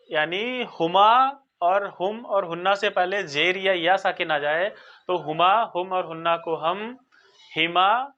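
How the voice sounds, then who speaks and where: A teacher giving a recorded lesson, explaining slowly and patiently, sounding out word forms and often checking that listeners follow. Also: mid-range voice, fairly bright tone. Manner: patient, repeats and checks understanding. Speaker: Arabic grammar teacher. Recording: dull lo-fi recording.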